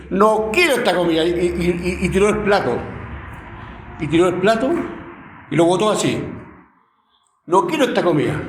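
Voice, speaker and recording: A middle-aged Chilean man preaches a sermon in a high voice, telling stories with plenty of feeling and repeating his words as he goes. His voice rings around an echoey room. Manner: emotional storytelling with many repeated words.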